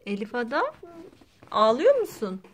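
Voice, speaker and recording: A woman's voice: on the high side, wildly swooping pitch, measured pace, a little hiss or hum. A young mother chatting playfully with her toddler, asking teasing, sing-song questions for a family vlog.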